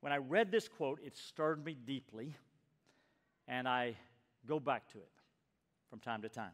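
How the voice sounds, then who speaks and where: Older pastor preaching with hall echo. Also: male voice, medium pitch, measured pace. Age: 60s. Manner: emphatic, swings from loud urging to hushed near-whisper. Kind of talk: sermon. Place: church sanctuary. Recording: long reverb of a church hall.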